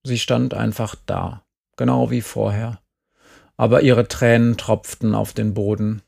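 Gravelly male audiobook narrator. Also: fairly low pitch, level tone, measured pace, darkish tone. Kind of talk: scripted narration.

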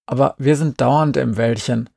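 A man's voice: mid-range voice, fairly even intonation, moderate pace, darkish tone, no room sound, studio quality. A man voicing a blunt, teasing tomboy girl. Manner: gruff and mocking.

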